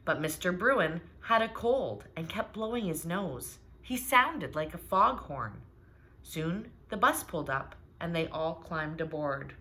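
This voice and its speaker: Animated woman storyteller for children, bright and expressive, pausing to ask questions. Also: lowish voice. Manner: animated, asks listeners questions. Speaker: storybook reader. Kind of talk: children's storytime read-aloud.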